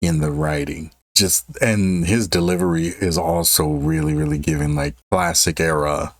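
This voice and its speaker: Male reaction host, low-pitched, dry studio-like sound, casual commentary with stretched-out emphasis. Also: steady tone, normal speed, no echo.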